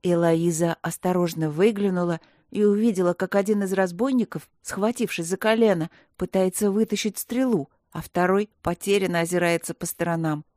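A woman narrating a fantasy audiobook in a measured, expressive way. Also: fairly low pitch, no room sound, clean studio sound. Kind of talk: scripted fantasy story narration.

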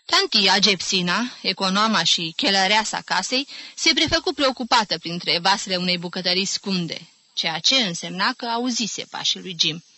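Audiobook narrator, female, measured and clear; bright voice, dry recording. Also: mid-range voice, expressive, dry recording. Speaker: audiobook reader.

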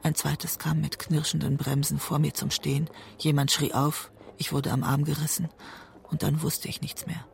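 An actress gives grave, restrained first-person audio drama narration as a haunted woman writer recalling a destructive marriage. Her voice is low, husky and breathy, with a level tone and moderate pace, and the mood is haunted and tense.

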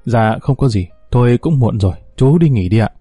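A man's voice: medium pitch, expressive, brisk, warm tone, slightly rough, no echo, faint music behind. A man voicing a polite, composed young woman.

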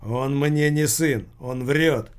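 A man voicing a gruff old male thief boss, speaking hoarsely and with hatred. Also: mid-range voice, takes it slowly, natural voice. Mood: hostile.

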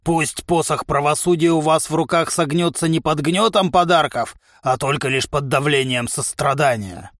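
A man voicing a pompous, boastful giant of a prisoner who declaims slowly and grandly, his sulky dignity never slipping. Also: fairly high pitch, a bit bright, no room sound, natural voice. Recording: dry close studio sound.

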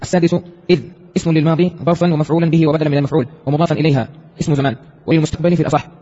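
A man reading a text aloud for a class, reciting numbered points in quick succession. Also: on the high side, fairly even intonation, mellow, long reverb tail, highs cut off.

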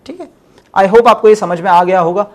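A male language teacher runs a patient classroom drill, saying each syllable clearly and slowly for the learner to repeat. He explains his points in a relaxed mix of Urdu and English. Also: high-pitched. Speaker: Farsi teacher. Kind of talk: language lesson.

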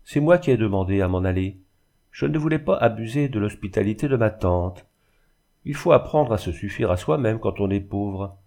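A man voicing a young woman, a poor and earnest niece speaking gently, in a storybook reading. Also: fairly low pitch, lively intonation, normal speed, creaky.

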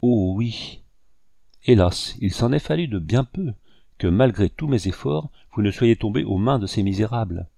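A man reading the lines of a proud, composed young creole woman in an audiobook, in a soft, even manner. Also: lowish voice, normal speed, creaky, no echo, clean studio sound.

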